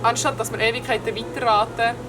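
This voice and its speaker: A woman's voice: a little high, little pitch movement, quick pace. A woman with a Swiss German accent, playing a casual guessing game in a playful, giggly way. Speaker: guest. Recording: distant mic in a noisy place with vehicles.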